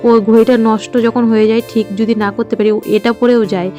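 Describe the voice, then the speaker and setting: A woman's voice: a little high, little pitch movement, moderate pace, dark tone, faint music behind. A middle-aged woman, a mother chatting casually in her vlog, rambling and heartfelt with many fillers. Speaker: mother and vlogger.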